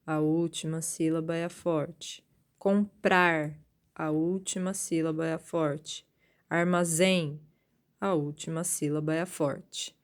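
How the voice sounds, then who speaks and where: A woman's voice: low voice, darkish tone. A woman teacher giving a recorded lesson, explaining patiently and often checking in with her students.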